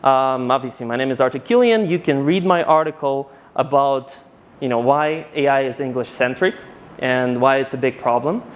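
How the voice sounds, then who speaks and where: A man in his thirties from Ukraine giving a conference talk with a handheld mic, animated and casual, often restarting his sentences. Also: medium pitch, normal speed. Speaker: conference speaker. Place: conference hall.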